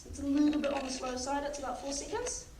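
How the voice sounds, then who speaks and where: This young woman, a paramedic student losing her high voice, talks fast as she narrates her clinical skills demonstration in a practical exam. Calm and instructive, she walks the patient through each step, heard distantly in a noisy, echoey room.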